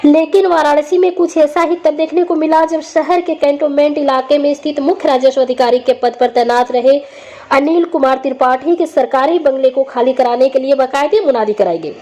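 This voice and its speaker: A woman's voice: high voice, normal speed, warm tone. A woman narrating a scripted news report as a reporter.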